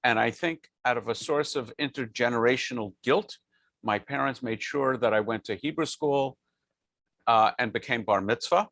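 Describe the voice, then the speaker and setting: Speaking at normal speed from his bookshelf-lined home study, a rabbi in his sixties shares a personal story on a panel, mixing earnestness with wry reflection. He joins by video call on a lapel mic, and his medium-pitched, fairly bright voice comes through dry.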